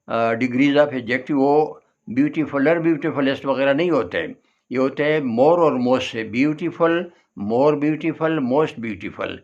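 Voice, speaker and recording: Male tutor, unhurried, spells words out, dull lo-fi recording. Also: mid-range voice. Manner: slow, spells words out letter by letter; switches between English and Urdu explanations. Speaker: English tutor. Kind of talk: classroom lesson.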